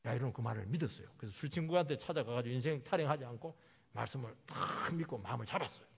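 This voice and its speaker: A man preaching a sermon as a pastor, who acts out quoted lines with lively emphasis. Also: mid-range voice, very fast, gravelly, husky. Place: church sanctuary. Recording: reverberant church hall.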